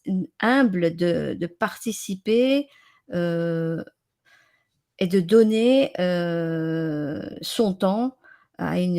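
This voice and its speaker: Gravelly-voiced woman hosting a live chat. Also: fairly low pitch, darkish tone. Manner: halting, repeats words as she searches. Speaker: host of an open-line internet radio show.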